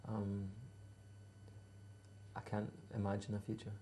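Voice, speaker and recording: Casual and slow, a Scottish musician in his thirties fields interview questions as a guest, hesitating with plenty of ums and a dry sense of humour. Slight background noise accompanies his low, flat, gravelly voice, which has a dark and mellow tone.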